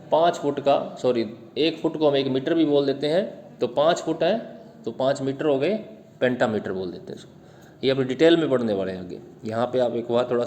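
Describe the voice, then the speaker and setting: A man with an Indian accent teaching English literature terms, reading definitions slowly and then explaining with questions to his students. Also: medium pitch, darkish tone, a little hiss or hum. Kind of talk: classroom lecture explaining terms in Hindi and English.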